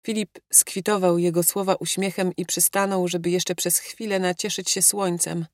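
Female audiobook narrator, low and measured, dry studio sound. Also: level tone, no echo. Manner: measured, reflective. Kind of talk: scripted narration. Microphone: close studio mic.

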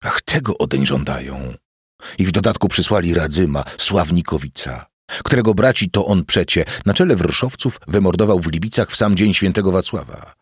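A man narrating a historical novel in a measured, grave reading. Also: low voice, lively intonation, breathy edge, no echo, clean studio sound. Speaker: audiobook narrator.

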